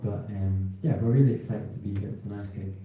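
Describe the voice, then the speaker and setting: A man's voice: on the low side, fairly even intonation, fast talker, mellow. A man with a Hebridean Scottish accent, a folk musician talking casually and a little hesitantly between tunes on stage. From North Uist, Western Isles, Scotland. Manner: hesitant, rambling, informal. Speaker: folk piper introducing his set on stage. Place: indoor concert hall, on stage. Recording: echoey hall, distant live concert pickup.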